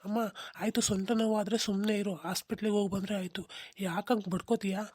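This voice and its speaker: A woman's voice: mid-range voice, fast talker, breathy edge, no room sound, lightly acted. A woman voicing a grown son and husband in a comic cartoon, placating his mother and scolding his wife. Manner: flat, placating, mildly scolding.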